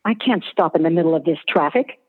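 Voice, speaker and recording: A woman's voice: low-pitched, fast talker, husky. Woman doing a terse farm-raised young man. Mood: tense. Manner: terse, calming, muttering. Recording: tinny phone-like sound with long reverb.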